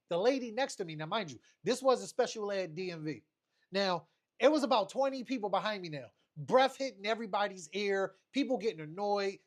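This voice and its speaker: A man livestreaming a casual storytime rant, animated and profane, repeating phrases for emphasis. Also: high voice. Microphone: streaming setup mic.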